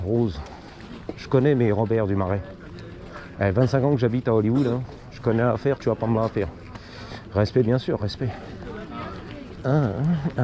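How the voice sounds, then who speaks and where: A man's voice: medium pitch, dark tone. A man giving slangy, joking running commentary on a motorcycle ride through city streets, talking into a helmet mic. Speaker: motorcycle vlogger. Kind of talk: casual vlog commentary while riding. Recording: traffic and wind noise outdoors.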